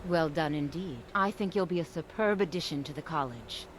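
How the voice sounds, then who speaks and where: An actress playing a stern high elf woman mage who guards a magic college gate, with formal, measured speech. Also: very noisy, natural voice.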